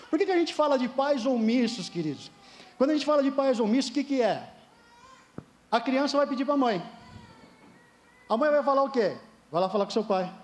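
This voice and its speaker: High-voiced Brazilian pastor preaching. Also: male voice. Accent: Brazilian Portuguese. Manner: emphatic preaching, repeatedly addressing listeners as dear ones. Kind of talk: sermon. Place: church service.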